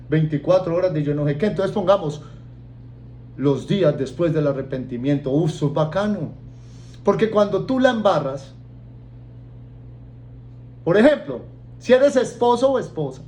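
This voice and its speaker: Animated Colombian preacher man. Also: high-pitched. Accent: Colombian Spanish. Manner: animated, acts out voices and jokes with the congregation. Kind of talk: sermon.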